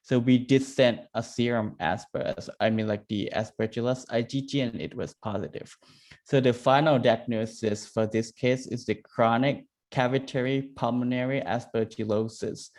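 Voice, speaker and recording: A man's voice: mid-range voice, steady tone, normal speed, darkish tone. A man presenting a medical case on a video call, hesitant, with many fillers. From Thailand.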